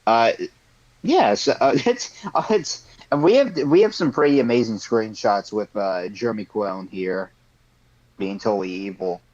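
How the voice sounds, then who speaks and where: Low guy rambling thru a tierlist chat, dry dull call audio, lots of uhs. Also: expressive, moderate pace, a little mellow, no room sound. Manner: rambling with many fillers. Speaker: podcast panelist. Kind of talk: casual group chat over a call.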